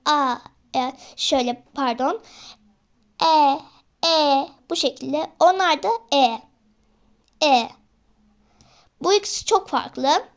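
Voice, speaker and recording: A young woman with a high-pitched voice hosts a casual learning vlog. She talks to her viewers as friends, pausing on fillers as she works through each point. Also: expressive. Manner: chatty, often addresses viewers as friends, hesitant fillers. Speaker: vlogger teaching herself Korean.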